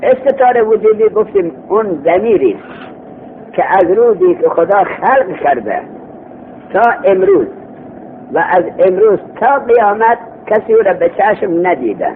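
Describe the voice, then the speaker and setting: A man's voice: high voice, animated. Man teaching grammar over a tinny line. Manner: explains slowly and repeats phrases, asks rhetorical questions. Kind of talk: classroom lesson. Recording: tinny phone-like recording with faint noise.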